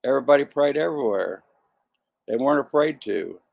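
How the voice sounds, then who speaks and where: Man, 70s, gravelly, halting delivery with frequent restarts; casual to-camera monologue. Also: medium pitch, lively intonation, darkish tone. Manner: stumbling, repeats and corrects himself. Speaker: vlogger.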